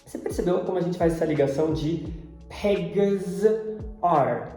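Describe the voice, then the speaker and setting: A man with a Brazilian Portuguese accent teaching English pronunciation, repeating each word slowly and carefully. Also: fairly high pitch, fairly even intonation, mellow, soft background music. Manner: repeats English words slowly and deliberately, often several times. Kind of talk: pronunciation lesson. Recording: very echoey room.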